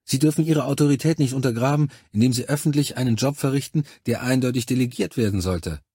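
A man's voice: mid-range voice, fast, mellow, slightly rough, no echo, clean studio sound, voice pushed up, natural voice. A male audiobook reader voicing a blunt, hard-nosed male officer who gives cold advice and needles others. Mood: advising. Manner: blunt, needling, matter-of-fact. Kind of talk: audiobook character voice.

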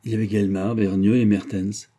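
A man narrating a crime novel in the first person. His voice is low, very dark and husky. His delivery is wry and matter-of-fact. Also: level tone, a little fast. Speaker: audiobook narrator.

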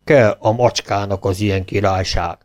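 A man voicing a grumbling, greedy, cowardly old male cook in a storybook, drawling slowly. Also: lowish voice, fairly even intonation, a little mellow, lightly acted.

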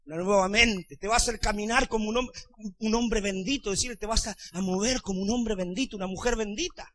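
A man with a Rioplatense Spanish accent, a pastor preaching a sermon in a church. He swings from hushed lines to shouting and keeps calling on the congregation to answer. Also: high-pitched, a little fast, dry recording. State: sweating and losing his voice.

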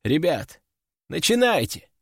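A man voicing a calm, mocking male demonologist hero in first person. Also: on the high side, slow, creaky, slightly rough, dry recording, clean studio sound, heavily acted. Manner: laconic, mocking.

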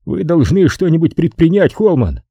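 A sulky, tired, stubborn man complains in a raised, petulant voice, as a male narrator puts him on. The read is husky and dark, recorded close and dry. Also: on the high side, very animated, moderate pace, no echo, pitched above the performer's own voice, full character voice. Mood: grumbling.

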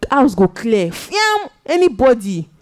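A woman's voice: medium pitch, normal speed, warm tone. A Nigerian woman co-hosting a radio show, chatting casually in Nigerian Pidgin with a Nigerian accent. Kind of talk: casual conversational talk show chat.

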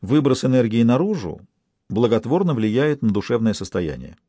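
A man narrating an audiobook in a measured, subdued way. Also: mid-range voice, big pitch swings, mellow, no echo.

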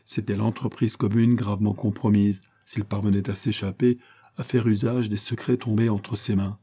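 A man's voice: on the low side, normal speed, husky. A man reading a classic novel aloud as an audiobook narrator, telling the story evenly and lifting his voice for the characters' lines. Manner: even storytelling, lifts voice for quoted speech. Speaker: audiobook reader.

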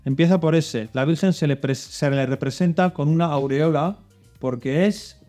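A man's voice: on the high side, moderate pace, dark tone, soft background music. Man hosting a quiz. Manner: reads clues then coaxes and hints. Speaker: quiz host. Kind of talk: hosting a children's religious quiz show.

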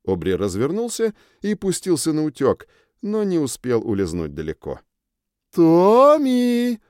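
A man narrating an audiobook in the first person, expressive with a wry tone. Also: mid-range voice, moderate pace, no echo, clean studio sound.

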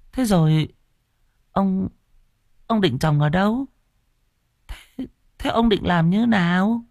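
A man putting on a high, scheming landlord's wife. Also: gravelly, no room sound, studio quality, exaggerated voice. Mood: worried nagging. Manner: wheedling, nagging, scheming.

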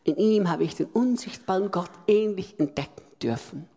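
A man preaching a sermon, emphatic and repetitive, with loud swells. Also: high-pitched, normal speed. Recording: long reverb of a large hall.

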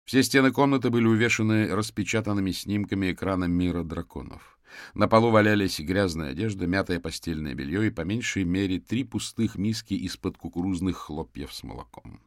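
A man narrates an audiobook in a calm, measured way. His voice sits very low. The recording is dry and close. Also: no room sound. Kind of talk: scripted narration.

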